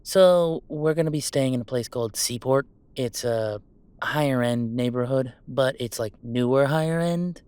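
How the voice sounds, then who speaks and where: A man's voice: mid-range voice, moderate pace, a little mellow, clear, resonant tone, dry recording, lightly acted. A man acting as Chester, dry-miked chatty affectionate guy. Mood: reassuring, explaining. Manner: casual, rambling, self-interrupting, wryly reassuring. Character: Chester, chatty affectionate well-off gamer from Boston, anxious flyer. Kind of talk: intimate roleplay audio acting, one-sided conversation.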